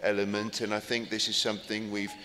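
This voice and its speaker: Brief: middle-aged male moderator, low and monotone, halting closing remarks, hall reverb. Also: soft background music. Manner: halting, with ums and restarts. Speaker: panel moderator. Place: large conference hall. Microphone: table microphone. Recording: reverberant hall, faint noise.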